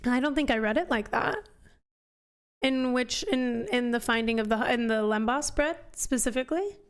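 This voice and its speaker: A woman's voice: fairly high pitch, normal speed, smooth. A woman hosting a book club live stream, chatting casually and rambling as she answers questions from chat. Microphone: headphones on, desk mic.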